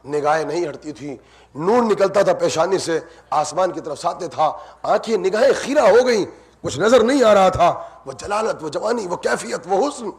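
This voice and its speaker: A man reciting a mourning narrative at a religious gathering, dramatic and swelling into loud emotional pleas. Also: high-pitched, expressive, creaky.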